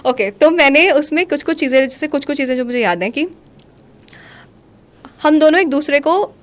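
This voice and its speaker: A woman in her thirties talking in a podcast conversation, mixing Hindi with slow, deliberate English lines. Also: high voice, lively intonation. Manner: switches between Hindi and English, slows down for English lines. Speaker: guest, manifestation coach.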